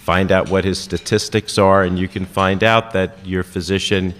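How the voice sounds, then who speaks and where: A man's voice: low-pitched, flat delivery, moderate pace, fairly bright tone. A man, a physician guest on a live radio show, giving plain, matter-of-fact advice. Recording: long hall reverb from live venue.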